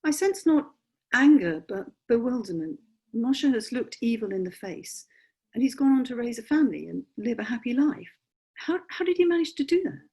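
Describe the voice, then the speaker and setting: Husky woman journalist narrating. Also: a little high, sing-song, moderate pace, warm tone. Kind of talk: documentary narration.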